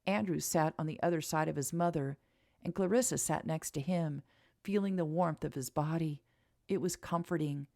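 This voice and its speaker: A woman narrating a romance audiobook in a calm, even reading. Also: low voice, moderate pace, creaky, no room sound, clean studio sound.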